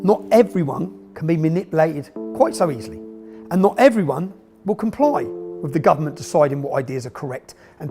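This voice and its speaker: A man narrating a documentary in an emphatic, sarcastic manner. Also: on the high side.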